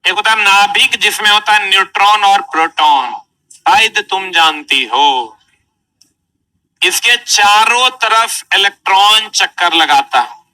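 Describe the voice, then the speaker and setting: With a high-pitched, sharp voice and a slow pace, a male teacher speaking with a Bihari Hindi accent chats through a classroom lecture and keeps putting questions to the class. The audio is poor, with the speaker far from the mic.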